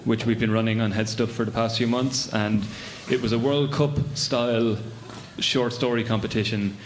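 An Irish man hosts a live podcast in a relaxed, halting way. His pitch is mid-range. The venue sound is roomy with faint noise. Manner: casual, hesitant with fillers. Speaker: podcast host.

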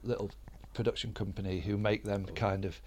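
A man's voice: fairly low pitch, flat delivery, a little fast, darkish tone, a little hiss or hum. A man from Sheffield, a comedian guest telling a rambling, self-deprecating story in casual chat. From Sheffield, England.

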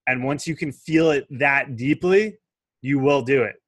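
A man voicing a calm old monk teacher who speaks slowly and evenly. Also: mid-range voice, dry recording, natural voice. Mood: solemn. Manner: slow, measured.

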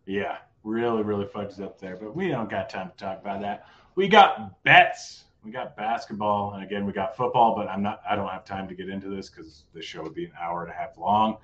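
A man's voice: fairly low pitch, steady tone, highs cut off. A man hosting a live sports betting show, chatting casually and running through his picks. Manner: casual, joking, quick rundown of picks. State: voice going hoarse.

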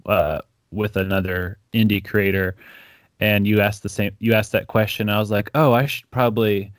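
In a relaxed interview, a young Ecuadorian comic creator tells lively stories, voicing other people's lines and scattering "like" everywhere. He speaks at normal speed in a lowish voice. The sound is clean and studio-grade, with a dry recording.

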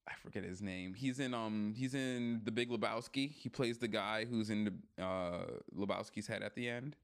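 A man co-hosting a podcast in casual chat, blunt, profane and animated, joking as he goes. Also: fairly low pitch, moderate pace. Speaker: podcast co-host.

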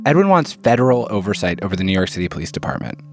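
A man hosting and narrating a scripted documentary, telling the story in measured phrases with key words stressed. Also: low-pitched, very animated, over music. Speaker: narrator and host.

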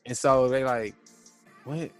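A man's voice: medium pitch, normal speed, faint music behind. A man co-hosting a casual discussion, talking in a slangy, conversational way and retelling stories as quoted dialogue. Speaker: podcast co-host.

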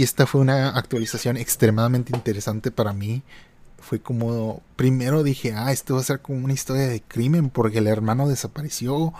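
A man's voice: mid-range voice, darkish tone. A man hosts a podcast, reading online posts aloud and chatting about them in a conversational way with hesitant fillers. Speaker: podcast host.

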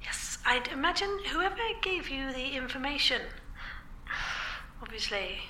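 A woman's voice: high-pitched, animated, bright, forceful tone, echoey room, a little hiss or hum, heavily acted, poor audio. A woman playing a taunting corporate villain. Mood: toying menace. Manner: teasing, laughing, slow and toying. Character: sly mocking female corporate insider, menacing. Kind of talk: radio drama acting.

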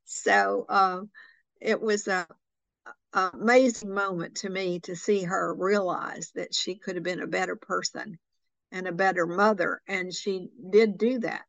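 Southern lady from arkansas, fry in her voice, dry sound, emphatic storyteller being interviewed about her book. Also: medium pitch, steady tone, slow, pauses often, fairly bright tone, no echo, low-quality recording. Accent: Arkansas Southern American. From Arkansas, United States.

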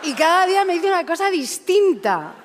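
A young woman from co-hosting a podcast, teasing and interjecting quickly in casual chat. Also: extremely high pitch, big pitch swings. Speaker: podcast co-host. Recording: long hall reverb, faint noise.

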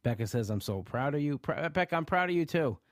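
Animated and fairly quick, this man's slightly high voice comes through clean studio sound with no echo. He's on a casual livestream, reading viewer comments and rambling about his weight loss with many restarts and lots of "you know." Allergies have left him stuffed up.

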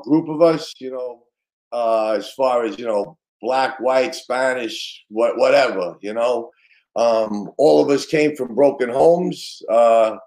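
A middle-aged man speaks with a Brooklyn accent at a medium pitch. He reminisces casually as an interview guest, with a streetwise, conversational delivery and loose phrasing. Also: a little mellow, rough recording. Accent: Brooklyn New York. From Brooklyn, New York. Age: middle-aged or older. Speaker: interview guest, retired police detective.

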